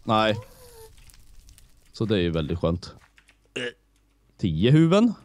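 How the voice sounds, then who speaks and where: A man's voice: fairly low pitch, huge pitch swings, a little mellow, no echo. A man co-hosting a casual Let's Play, laid-back with dry self-mocking remarks. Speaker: gaming channel co-host.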